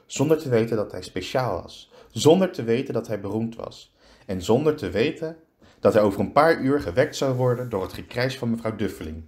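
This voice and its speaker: Teacher guy reading a kids story aloud, expressive, drags words out. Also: mid-range voice. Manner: expressive, slowing for effect.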